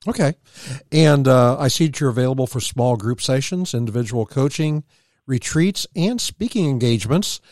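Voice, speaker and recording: A man's voice: medium pitch, lively intonation, normal speed, a little mellow, no echo, clean studio sound. A man working as a radio co-host, talking and reading announcements on air. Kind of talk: promotional announcement read and casual radio talk.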